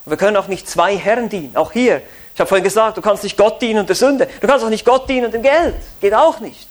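A man's voice: sits high, quick pace. A pastor preaching a sermon, earnest and asking his listeners many searching questions.

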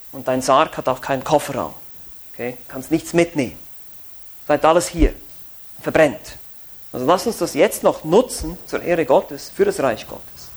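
A pastor preaching a sermon, earnest and asking his listeners many searching questions. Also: high-pitched.

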